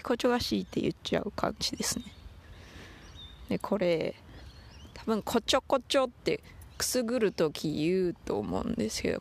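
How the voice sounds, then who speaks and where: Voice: medium pitch, gravelly. A podcast host with a Toyama dialect accent chats casually and playfully, often using mock-formal phrasing, while out walking a dog. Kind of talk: casual solo podcast chat.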